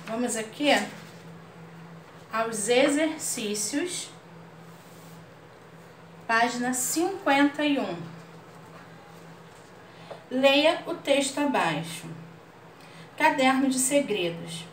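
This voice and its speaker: A woman teacher with a Brazilian Portuguese accent gives an online grammar lesson, explaining patiently and often checking that students understand. Her high, animated voice stretches out words and leaves long pauses. The distant, roomy mic picks up faint room noise.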